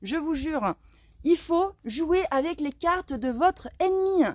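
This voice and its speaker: A woman's voice: high voice, animated, slow pace, darkish tone, no room sound. A woman from Lorraine, France, in her thirties, talking to her viewers in an indignant, emphatic, chatty monologue. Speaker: vlogger.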